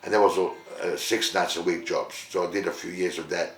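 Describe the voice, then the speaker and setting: An older man from Italy recounts his musical past in an interview. His deep, low voice wanders from one memory to the next, full of pauses and fillers. The sound carries the echo of a roomy space. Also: fairly even intonation, a bit bright, a little hiss or hum. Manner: rambling, halting storyteller with many fillers. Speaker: musician guest. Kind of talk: interview storytelling.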